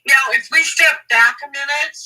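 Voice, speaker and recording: A woman advocate in an interview, speaking emphatically and indignantly, slowing down to stress key words. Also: high voice, bright, forceful tone, recorded from a distance, poor audio. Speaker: advocate for a family in a custody case. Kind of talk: interview guest, reading court documents.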